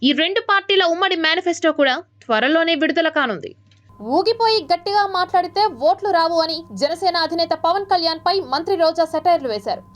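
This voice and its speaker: A woman reading scripted news as anchor in a brisk, even delivery. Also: very high voice.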